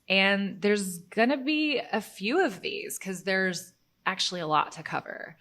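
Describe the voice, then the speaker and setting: Lively, chatty woman podcast host. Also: on the low side. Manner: chatty, self-deprecating, laughs often. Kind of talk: casual solo podcast monologue.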